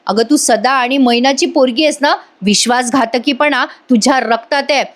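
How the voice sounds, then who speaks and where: A woman acts out a firm young daughter-in-law, accusing a liar to her face. She speaks in a high voice with a hard edge. There is little change from the narrator's own voice. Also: normal speed, natural voice.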